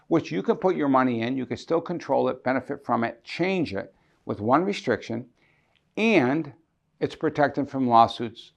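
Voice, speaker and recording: Gravelly man explaining law, lo-fi sound. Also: mid-range voice. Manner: asks and answers his own questions, frequent "right?". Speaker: estate planning attorney. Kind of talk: explanatory talk to camera.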